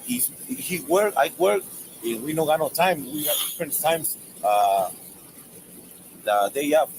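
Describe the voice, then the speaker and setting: Halting Mexican-accented man on a noisy roadside. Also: fairly high pitch, lively intonation. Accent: Mexican Spanish. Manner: halting broken English, many restarts. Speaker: driver stopped by police. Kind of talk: roadside questioning. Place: outdoors by a roadside.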